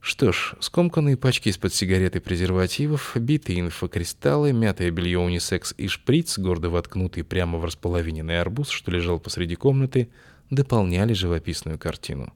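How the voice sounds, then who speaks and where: A man with a fairly low voice reads a story aloud. His scripted narration is lively and ironic, lingering on odd details. The pace stays steady and easy to follow. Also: brisk. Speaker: audiobook narrator.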